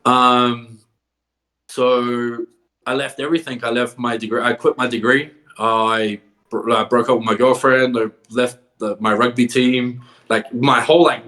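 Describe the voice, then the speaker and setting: A man's voice: medium pitch, fairly bright tone. Swearing New man telling stories. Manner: swears a lot, laughs often, filler-heavy "like". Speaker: professional wrestler, podcast guest. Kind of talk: casual storytelling.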